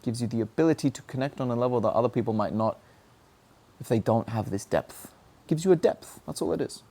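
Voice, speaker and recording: A young adult man delivers a reflective motivational monologue about his own struggles, sharing personal reflections in an earnest, searching way and often questioning himself. His medium-pitched voice is mellow, and he talks fast.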